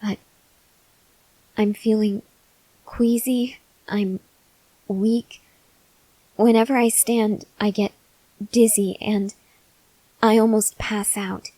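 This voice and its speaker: Here a woman voice actor plays a hungry vampire researcher in ASMR roleplay, offering a weary, earnest, gently pleading monologue to the listener. Her mid-range voice holds a steady tone, soft and slow with long pauses and often whispered, acting weak, faint from hunger, weary and desperate. The audio is poor, with no room sound.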